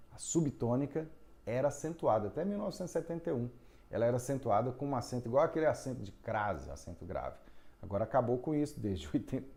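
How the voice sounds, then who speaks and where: A man's voice: medium pitch, warm tone. A man teaching a recorded phonetics lesson, explaining step by step, asking and answering his own questions and drawing out syllables to show stress.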